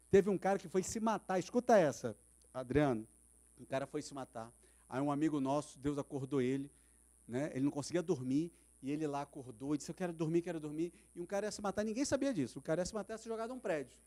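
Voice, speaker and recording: With a warm, slightly high voice and a fast pace, the pastor, a man with a Brazilian Portuguese accent, preaches at a church service. He dramatizes his stories by voicing the people he quotes.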